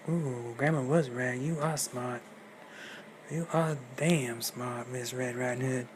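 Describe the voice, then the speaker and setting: A man's voice: mid-range voice, steady tone, slow pace, lightly acted. A man voicing a sly, scheming male big bad wolf who taunts and menaces in slangy talk, on a noisy recording. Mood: taunting.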